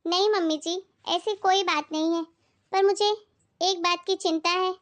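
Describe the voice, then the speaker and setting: A woman voicing a dutiful young daughter-in-law in an animated family skit, respectful and soft-spoken. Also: very high voice, unhurried.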